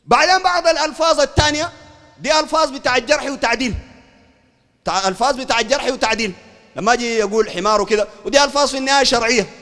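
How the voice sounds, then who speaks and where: Fiery high-voiced Sudanese sheikh, fast. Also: male voice, a bit bright. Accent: Sudanese Arabic. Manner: fiery, keeps asking "understand?", raises his voice. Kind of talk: heated polemical religious lecture. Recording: long hall reverb.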